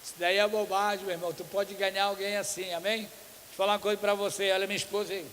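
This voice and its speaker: A man preaching as a pastor at a conference for cell group leaders, telling lively stories and acting out church members. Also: high voice, racing. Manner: animated storytelling preacher, acts out church members. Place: church hall. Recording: reverberant hall with faint hiss.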